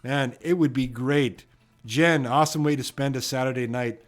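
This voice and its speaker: A man from Edmonton with a Canadian accent hosts a trivia live stream, reading out viewer comments in a loose, chatty, rambling way full of fillers and "you know what". His mid-range voice keeps a fairly even intonation at a normal speed.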